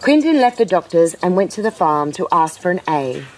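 A woman reading a children's picture book aloud in a lively, playful way. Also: fairly low pitch, a little fast, a little hiss or hum. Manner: lively, playful, occasional laughs. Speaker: storyteller.

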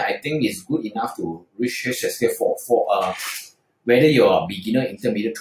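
Man, mandarin tutor, hesitant, lots of fillers, echoey room, mid pitch. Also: a little hiss or hum. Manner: hesitant, frequent fillers and restarts. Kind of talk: screen-recorded tutorial explanation.

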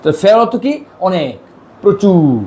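A male language teacher with a Bangladeshi Bengali accent leads a class. His voice sits high and swoops up and down as he drills pronunciation, says words slowly and again, and checks whether his students follow. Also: expressive, dark tone. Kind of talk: classroom lesson.

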